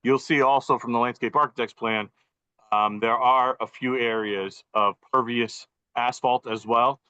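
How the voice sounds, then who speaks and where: An engineer on a video call with poor Wi-Fi formally presents a site plan to a public meeting, walking through it methodically. His medium-pitched voice is clear, resonant, bright and pushed, with a steady tone and measured pace. The sound comes through as dull, lo-fi computer audio with no room sound.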